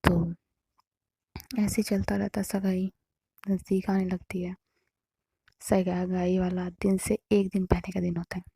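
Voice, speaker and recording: A woman telling a story in a casual, conversational and hushed way. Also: on the low side, little pitch movement, measured pace, vocal fry, pauses often, husky.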